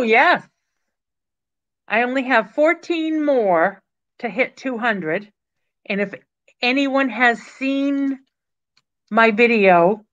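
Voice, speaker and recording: Her voice a bit bright and on the high side, a woman in her sixties leisurely hosts an online auction from a small room in her home, naming viewers to thank them. The webcam video call yields dull lo-fi audio.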